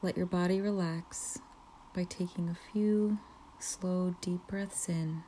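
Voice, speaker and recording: A woman leading a guided relaxation meditation, speaking softly with frequent whispered phrases and long pauses. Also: on the low side, fairly even intonation, slight background noise. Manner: slow, soft, partly whispered, soothing pauses.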